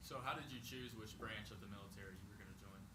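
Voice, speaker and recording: A man asking prepared questions as an interviewer, heard quietly from away from the microphone. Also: on the low side, very fast, slightly rough. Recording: quiet, distant off-mic voice, some noise.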